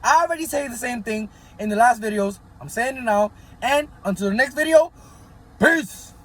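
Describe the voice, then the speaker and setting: Man, casual commentary vlog host, conspiratorial, husky tone, high lively pitch. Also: normal speed. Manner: conspiratorial, keeps asking "right?" and hedging "allegedly". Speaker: channel host.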